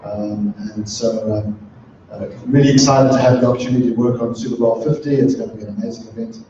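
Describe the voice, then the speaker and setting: A fast-talking man from southern Africa, medium-pitched with a steady, warm tone, speaks as a panel guest and sustainability consultant at a live event before an audience. He is thoughtful, with many ums and restarts. The recording is echoey, distant and muffled, with slight background noise.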